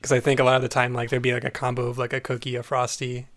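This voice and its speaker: A man hosting a podcast, talking in a relaxed, hesitant way with many fillers. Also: medium pitch, rapid-fire. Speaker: podcast host. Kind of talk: casual chat.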